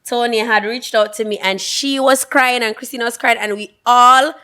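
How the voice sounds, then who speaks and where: A young woman, co-hosting a podcast in casual chat and telling stories with lively acted-out quotes. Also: a little high, moderate pace. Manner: animated storytelling, acts out quotes. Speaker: podcast co-host.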